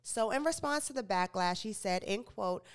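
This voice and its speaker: Smooth-voiced chatty woman radio host. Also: medium pitch, expressive, moderate pace. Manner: chatty, opinionated, frequent self-corrections and stumbles. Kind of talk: casual entertainment news commentary.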